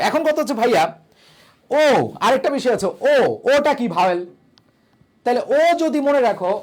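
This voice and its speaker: A young man teaches an online grammar class. He fires rhetorical questions at his students and answers them himself, then coaxes and reassures them. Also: very high voice. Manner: reassuring, coaxing tone toward students. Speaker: English admission-test tutor.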